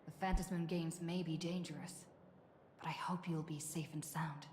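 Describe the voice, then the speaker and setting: A hushed, mysterious low-voiced stranger. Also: female voice, fairly even intonation, moderate pace, husky. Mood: ominous. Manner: hushed, half-whispered. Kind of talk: game cutscene voice acting. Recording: long reverb in game audio.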